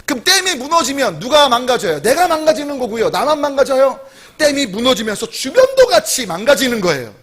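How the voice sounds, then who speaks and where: A man's voice: very high voice, fairly quick. A male pastor preaching a sermon, asking the congregation questions as he goes. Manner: animated, asks the congregation questions.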